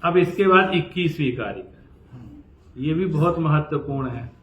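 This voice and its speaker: A man giving a lecture on scripture, slowly chanting verses and then explaining them in a lively, conversational way. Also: a little high. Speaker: professor teaching scripture. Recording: echoey, dull-sounding room recording.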